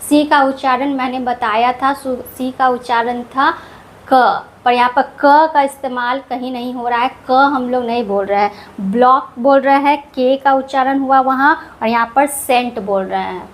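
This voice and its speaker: A woman teaching English pronunciation rules, who explains each rule slowly and repeats the example words with care. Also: sits high, steady tone.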